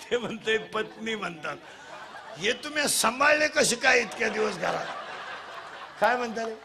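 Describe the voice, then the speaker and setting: A middle-aged man preaching a comic devotional kirtan, teasing children and drilling them in loud call-and-response. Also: high voice, animated, moderate pace, creaky, noisy background.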